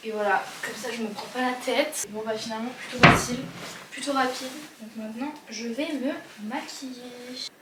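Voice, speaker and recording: A woman's voice: fairly high pitch, steady tone, a little fast, heavy background noise. An eighteen-year-old woman vlogging in a casual, chatty way, informal and full of fillers and slang. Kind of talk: casual vlog chat.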